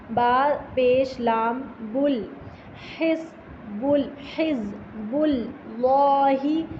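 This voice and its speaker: A woman's voice: sits high, highs cut off, slight background noise. A woman teaching Quran recitation, spelling out Arabic letters and vowel marks syllable by syllable and drawing the sounds out for her students. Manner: slow, drawn-out syllable-by-syllable drilling.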